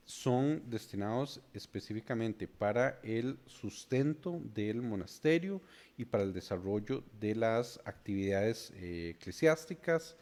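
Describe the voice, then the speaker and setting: A man's voice: medium pitch, warm tone. Hesitant Costa Rican man explaining. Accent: Costa Rican Spanish. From Costa Rica. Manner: hesitant, many filler sounds. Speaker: beer show host. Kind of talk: explanatory talk on brewing.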